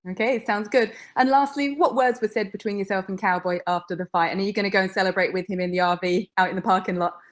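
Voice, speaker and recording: Quick-talking female sports interviewer. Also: mid-range voice, fairly even intonation. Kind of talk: post-fight interview questioning.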